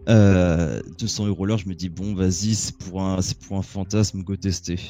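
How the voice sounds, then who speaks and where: A man with a warm, dark, lowish voice recounts an embarrassing story in relaxed chat. He talks loosely and crudely, often breaking into laughter. The tone stays casual and unhurried. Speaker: caller telling a story.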